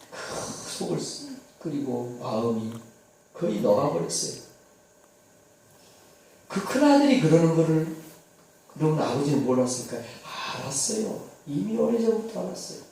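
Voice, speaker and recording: A male pastor telling a sermon story dramatically, swinging from hushed to loud. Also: on the high side, sing-song, measured pace, vocal fry, pauses often, slight background noise. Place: church sanctuary. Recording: echoey church hall, distant mic.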